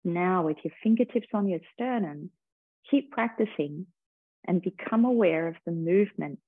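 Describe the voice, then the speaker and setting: A woman teacher slowly guiding a breathing and body-awareness meditation in a calm, soothing way. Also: on the low side, slightly rough, no echo. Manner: slow, calm, soothing guidance. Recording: tinny phone-like sound.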